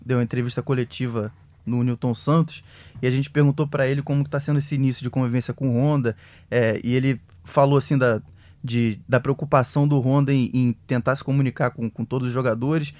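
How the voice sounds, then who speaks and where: A man reports on a football club, choosing his words slowly and restarting often. His voice is mid-pitched. The sound is dry and close. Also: fairly even intonation, a little mellow, no room sound. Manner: measured, hesitant, many restarts. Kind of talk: casual sports discussion.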